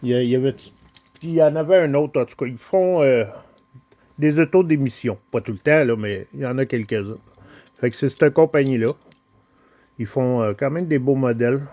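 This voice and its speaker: A man with a Quebec French accent shows off his toy car collection in a casual unboxing vlog. His medium-pitched, mellow voice moves slowly and hesitantly, full of pauses and filler sounds. The recording is dry.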